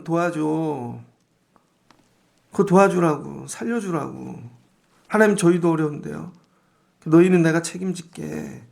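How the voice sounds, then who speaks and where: A middle-aged male pastor preaching a dawn sermon in a lively, colloquial way, acting out quotes of people as he goes. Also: high voice, vocal fry.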